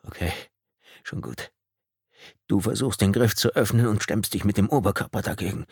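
A frightened man hurt in a crash, speaking in a shaken, trembling voice. A male narrator gives him a slightly low, subdued read in a dry recording. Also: fast, gravelly, a little mellow, breathy edge, dry recording. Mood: steadying. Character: frightened injured man in wreckage.

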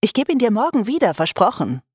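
Woman reader doing an eager, pleading schoolgirl, higher and bright. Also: very animated, fast, breathy edge, no room sound, clean studio sound. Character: bookish young girl, earnest and pleading. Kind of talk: audiobook character voice.

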